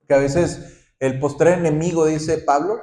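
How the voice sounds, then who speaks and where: A man pastor preaching a sermon, often asking the congregation questions and ending points with a quick "¿sí?". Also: on the high side, fairly even intonation, a little mellow. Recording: roomy echoing hall.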